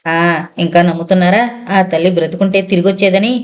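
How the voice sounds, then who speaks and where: A woman's voice: medium pitch, fairly even intonation, a little fast, natural voice. A woman narrator voicing a scornful, grumbling maidservant in a spoken novel.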